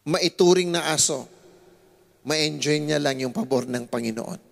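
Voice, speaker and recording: A man with a Filipino accent preaching a sermon as pastor, swinging between hushed asides and raised, animated exclamations. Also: a little high, unhurried, gravelly. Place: church hall. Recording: long church-hall reverb.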